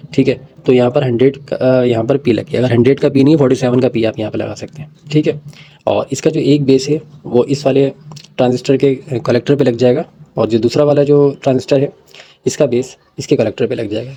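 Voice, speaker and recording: A man hosting an electronics tutorial, walking through a circuit diagram in a casual way with pauses and repeated "ٹھیک ہے" check-ins. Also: mid-range voice, dark tone, slight background noise.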